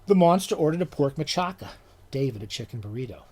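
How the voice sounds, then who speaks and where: Male author reading literary fiction; lively intonation, measured pace. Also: fairly high pitch. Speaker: author reading his own story.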